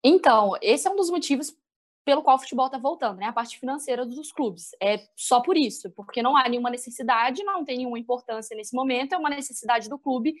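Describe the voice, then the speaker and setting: A sports journalist appears as a guest in a casual video-call discussion, a woman with a high voice who talks fast in Minas Gerais Portuguese. She is animated and opinionated, thinking aloud and restarting her sentences.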